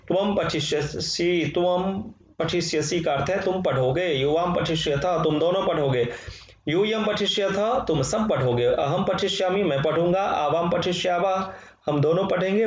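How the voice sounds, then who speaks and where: A man teaching a Sanskrit grammar lesson, slowly and carefully reciting verb forms one after another. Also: fairly high pitch, dull audio. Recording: echoey room.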